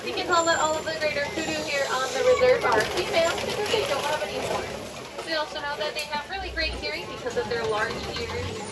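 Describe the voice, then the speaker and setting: Far from the mic, a woman with a high-pitched voice gives live safari tour commentary. She speaks directly to riders in an informative way. Loud crowd chatter and vehicle noise surround her voice. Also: a little fast. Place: open safari truck outdoors. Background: crowd, rumbling vehicle, outdoor ambience.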